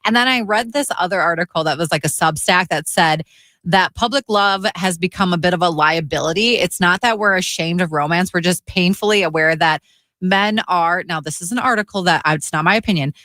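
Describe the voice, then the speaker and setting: Woman, radio co-host, lower register, casual discussion delivery, dry close sound. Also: brisk, pushed and bright, no echo.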